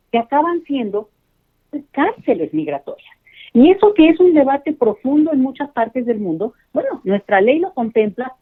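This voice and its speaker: Emphatic woman over a phone line. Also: on the high side. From Mexico. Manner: emphatic, explanatory, addresses listeners directly. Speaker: expert guest. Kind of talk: phone-in interview. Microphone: telephone.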